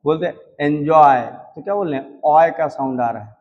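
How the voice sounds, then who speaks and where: A man's voice: on the high side, expressive, lo-fi sound. Indian man teaching with self-asked questions. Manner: keeps asking and answering his own questions; drawn-out repeated sounds for demonstration. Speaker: shorthand teacher. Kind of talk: classroom lecture.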